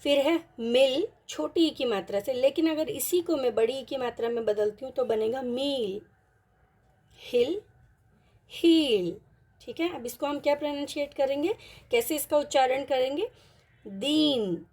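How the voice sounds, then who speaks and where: A woman teaching an online Hindi lesson, patiently mixing in English words and repeating each example word slowly. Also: sits high, darkish tone.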